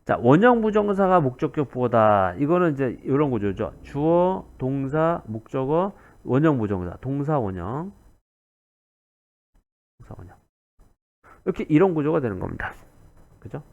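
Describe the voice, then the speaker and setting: Male grammar teacher, lively up-and-down delivery, repeats key points, muffled lo-fi recording. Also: mid-range voice, moderate pace, gravelly, pauses often. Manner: animated, repeats key words, asks 그죠 often.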